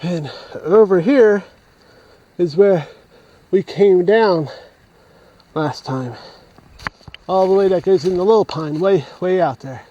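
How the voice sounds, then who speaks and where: A man's voice: sits high, measured pace, pauses often, mellow, dull audio. A man vlogging as he hikes a steep mountain trail, short of breath and rambling as he thinks aloud to his camera. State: short of breath while climbing. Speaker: hiker vlogger. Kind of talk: casual hiking vlog narration. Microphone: camera on an extended mount.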